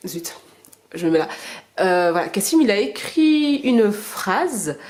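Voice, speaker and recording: A woman's voice: medium pitch, very animated, a little mellow. A mother filming at home, teaching her children and explaining her lessons in a casual, hesitant way. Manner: hesitant, fills pauses with "euh"; patient, encouraging with the children.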